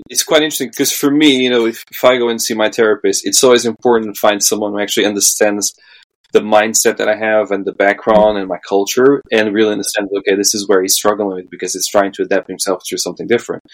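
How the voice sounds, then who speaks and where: Fast-talking low-voiced man host. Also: steady tone, rough recording. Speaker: podcast host. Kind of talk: casual interview chat.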